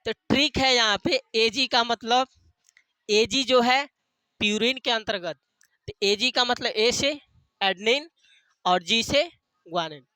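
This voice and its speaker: A man's voice: very high voice, takes it slowly, pauses often, pushed and bright, clean tone, no echo. A male teacher giving a classroom lecture, asking questions and answering them himself, repeating key terms and using jokey memory tricks.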